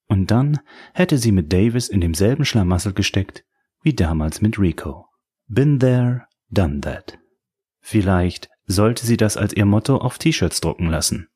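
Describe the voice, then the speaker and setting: A man narrating an audiobook in a wry, measured storytelling manner. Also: lowish voice, mellow, slightly rough.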